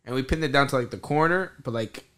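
Bright-voiced frat bro guy telling stories. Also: mid-range voice, fast talker. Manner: frat bro, slangy and profane bro talk. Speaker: podcast host. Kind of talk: casual chat, animated anecdote.

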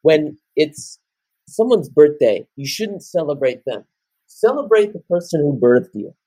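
A man in his late teens co-hosting a podcast, rambling through animated casual chat. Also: a little high, measured pace, slightly rough, no echo. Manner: rambling, animated, jumps into loud off-key singing. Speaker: podcast co-host.

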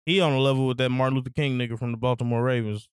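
A man's voice: medium pitch, fairly even intonation, racing, smooth, no room sound, studio quality. A man chatting casually about sports in a joking, slangy manner.

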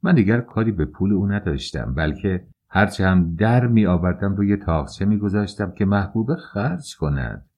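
A man narrating an audiobook in the first person, calm and measured. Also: low voice, breathy edge.

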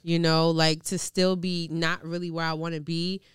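Smooth-voiced young woman hosting a podcast. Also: low voice, little pitch movement, moderate pace, dry recording, clean studio sound. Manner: candid, slangy, swears freely. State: congested. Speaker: podcast host. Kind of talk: casual podcast chat.

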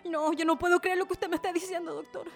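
A woman's voice: very high voice, little pitch movement, fast, music in the background. An actress playing a frantic daughter pleading over her dying mother, in a radio drama. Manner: pleading, tearful, desperate.

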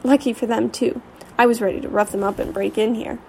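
A woman's voice: on the high side, steady tone, brisk, creaky, darkish tone, a little hiss or hum, low-quality recording. A woman doing a meek caring young man. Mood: eager. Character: meek but caring young male best friend.

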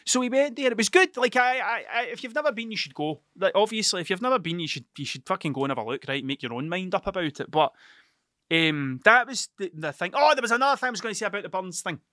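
Speaking off the cuff, a man with a broad Ayrshire Scottish accent rambles bluntly in a fairly high, bright, punchy voice. He talks fast and expressively, swears constantly, and keeps doubling back to question himself. The recording is dry, with no room sound at all.

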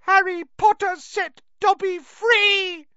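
Dobby, a shrill squeaky house elf. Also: little pitch movement, takes it slowly, pushed and bright, dry recording, exaggerated voice. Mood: shrill excited. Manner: speaks of himself in third person. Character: excitable male house elf servant. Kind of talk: audiobook character voice. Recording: dry, slightly dull lo-fi.

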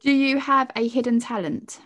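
A woman's voice: sits high, steady tone, normal speed, fairly bright tone. Cheerful woman host asking questions. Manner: cheerful, quizzing. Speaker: podcast host. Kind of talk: casual podcast interview.

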